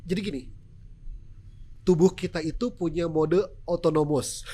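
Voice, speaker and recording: A man who is a native Sundanese speaker with a Sundanese accent, working as a television news presenter, appears as a podcast guest explaining his job in casual interview talk with acted-out examples. His voice is on the high side and dark in tone, with fairly even intonation and a slightly slow pace.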